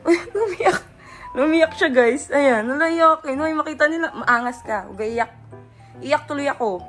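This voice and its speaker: Young woman vlogger from the Philippines, worn-out tired voice, excitable and teasing, phone-held, light background music. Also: high voice, normal speed. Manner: excitable, laughs and teases a lot. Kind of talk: casual vlog chat. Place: messy bedroom at home.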